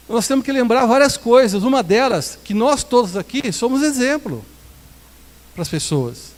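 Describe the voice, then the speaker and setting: In a small church hall, a Brazilian pastor with a Brazilian Portuguese accent preaches conversationally and with jokes, acting out quotes from his congregation. His voice is high and a little mellow, with a big-room sound.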